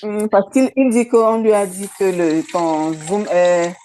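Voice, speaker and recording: Une femme qui participe à une réunion en ligne, avec des questions et des réponses brèves. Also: female voice, medium pitch, steady tone, takes it slowly, warm tone, slight background noise, poor audio. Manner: brief questions and replies. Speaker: meeting participant. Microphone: video call.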